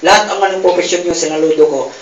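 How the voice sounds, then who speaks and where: Brief: Filipino man, high-pitched, animated testimonial speaker working a loud crowd, heard from across an echoey hall. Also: rapid-fire, distant mic, dull audio. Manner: calls out questions to the crowd, gets shouted replies; animated, laughing, acts out quoted dialogue. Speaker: speaker giving a success testimony. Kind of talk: motivational testimony to a live audience. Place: event hall with a live audience. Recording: roomy hall mic from afar, loud crowd noise.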